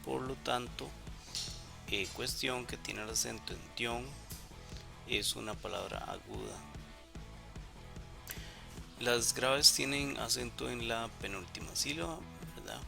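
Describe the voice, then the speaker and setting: A man teaching a recorded lesson, explaining exercises step by step with frequent "eh" pauses and checking tag questions. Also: mid-range voice, vocal fry, music in the background.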